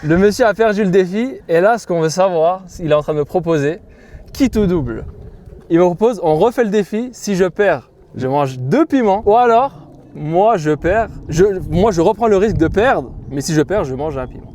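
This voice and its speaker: A man's voice: high voice, animated, normal speed, a little mellow. A young man hosting a challenge vlog, bantering casually in informal youth slang. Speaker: challenge host addressing viewers. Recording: noisy ambient background.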